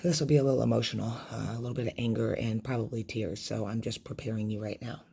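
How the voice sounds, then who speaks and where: A middle-aged woman telling a personal story in a vlog, in a halting, emotional way with many restarts and trailing phrases. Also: a bass voice, fairly even intonation, gravelly, dark tone, breathy edge. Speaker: vlogger recounting a loss.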